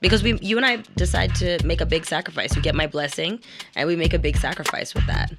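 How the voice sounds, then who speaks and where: Low-pitched and sing-song, with vocal fry, she talks quickly. An actor and radio professional, she explains things in an emphatic, conversational way during a candid discussion while background music plays under her words.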